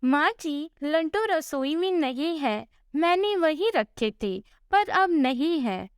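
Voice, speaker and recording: A woman's voice: high-pitched, animated, slow pace, no room sound, studio quality. A woman voicing a meek, honest young daughter-in-law who answers politely and anxiously in a storybook tale.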